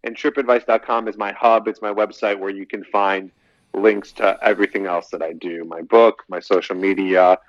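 With a lowish voice, a steady tone, and a moderate pace, a dating coach in his thirties rambles on as a podcast guest, often repeating phrases in his long, casual talk. There's no room sound, and the audio is dull, dry, and mildly lo-fi.

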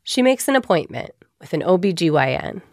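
A woman podcast host giving scripted narration in a measured, explanatory way. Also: lowish voice, big pitch swings, darkish tone, no room sound, clean studio sound.

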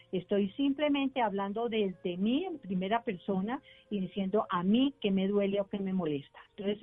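A woman couples therapist explaining, step by step and with examples, how to express feelings in a radio discussion. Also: mid-range voice. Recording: phone-line sound with faint music.

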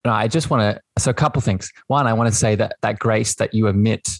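A podcast host chats with his guest in a casual interview, his warm, gushing remarks full of spiritual phrasing. His voice sits on the low side and moves briskly, with no echo in the recording.

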